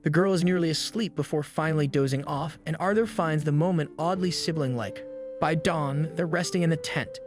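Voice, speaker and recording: A man with a somewhat high voice narrates a recap in a steady, scripted storytelling manner. Faint music plays quietly under his voice throughout. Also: a little fast.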